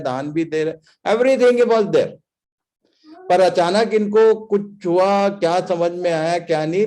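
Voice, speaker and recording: A man with a little high, mellow voice preaches a sermon. He emphatically quizzes the congregation with questions and drops in English phrases to stress his points.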